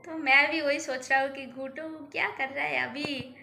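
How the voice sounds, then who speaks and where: A woman's voice: high voice, steady tone, moderate pace, vocal fry, pushed and bright, roomy sound, a little hiss or hum. A young woman with a Bengali accent, playfully chatting and pleading in a casual couple vlog. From Kolkata, India. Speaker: vlogger.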